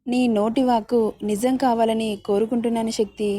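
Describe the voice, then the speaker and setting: A woman playing a gentle, loving aunt. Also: a little high, little pitch movement, fairly quick, no echo, close to an everyday voice. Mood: tender. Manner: gentle, tender. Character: middle-aged woman, gentle, affectionate aunt.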